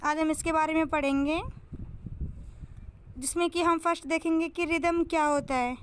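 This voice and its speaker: A woman with an Indian accent teaching an exam-prep lesson. She reads English lines slowly, then explains them in Hindi, asking questions and answering them herself. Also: high voice, steady tone.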